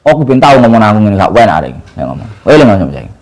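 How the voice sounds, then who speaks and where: Lively East Javanese man teaching religion. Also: fairly low pitch, quick pace, low-quality recording. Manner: animated, mixes Javanese and Indonesian, recites Arabic; keeps addressing listeners with "Pak". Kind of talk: religious study lesson.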